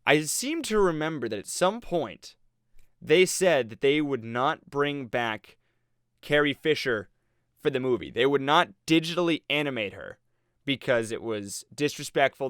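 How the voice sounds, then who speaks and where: A man's voice: mid-range voice, animated, normal speed, fairly bright tone, clean tone, no room sound, studio quality. A man giving a rambling, sarcastic movie review, acting out the audience's reactions as he goes. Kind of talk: casual commentary.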